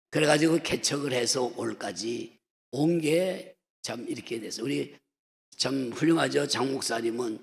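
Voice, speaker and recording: A man's voice: medium pitch, creaky. A man in his sixties preaching a humorous revival sermon in a church, joking and slipping into dialect impressions. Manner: joking storyteller who slips into dialect impressions. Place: church sanctuary. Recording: long church-hall reverb.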